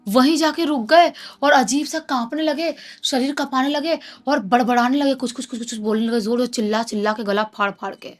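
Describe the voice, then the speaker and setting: A woman's voice: high voice, fairly even intonation, a little fast, hardly any pauses. A woman narrating a horror story in a dramatic, conversational way. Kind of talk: casual spoken storytelling.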